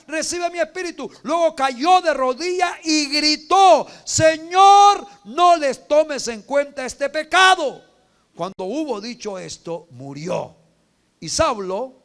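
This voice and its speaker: A man preaching a fervent sermon as pastor, calling on the congregation to repeat after him and building to shouted quotations. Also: sits high. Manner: fervent preaching, swelling to shouts on quoted cries; asks the congregation to repeat and read along.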